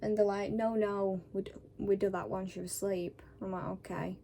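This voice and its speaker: A vlogger with a Northern English accent tells a casual personal story to camera, blunt and sweary. Her medium-pitched voice is flat, mellow and moderately paced, and she sounds worn out and scratchy-throated after having a wisdom tooth out.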